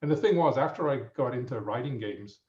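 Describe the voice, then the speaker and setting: A man's voice: medium pitch, quick pace. English man in his fifties, rambling chatty guest, distant mic, roomy and dull sound. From England. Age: 50s. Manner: relaxed, rambling, frequent fillers. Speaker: guest professor. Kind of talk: casual storytelling. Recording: muffled, roomy audio from a distance.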